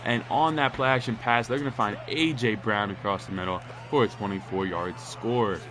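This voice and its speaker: A gaming commentator calls a football video game in a loose, rambling style at a moderate pace, his voice jumping up on the big plays. He sounds congested, with a lowish, stuffed-up, nasal voice, and there's clear noise beneath the recording.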